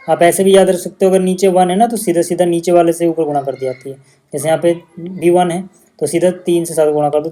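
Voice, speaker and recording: A man's voice: fairly high pitch, dark tone. A male maths teacher, patiently explaining steps in a casual lesson video.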